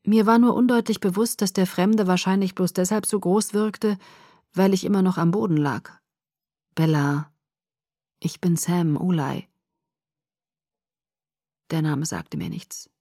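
A woman narrating a novel in the first person, softly and subdued, at times near a whisper. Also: medium pitch, normal speed, no echo, studio quality. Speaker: audiobook narrator.

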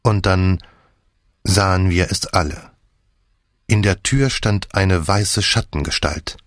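Brief: male audiobook narrator, measured first-person crime reading, low voice, dry sound. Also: no echo.

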